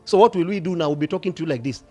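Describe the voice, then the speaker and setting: High-voiced, fiery Kenyan preacher man. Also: rapid-fire, soft background music. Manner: passionate, switching between whispers and shouting. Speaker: bishop. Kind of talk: fiery sermon.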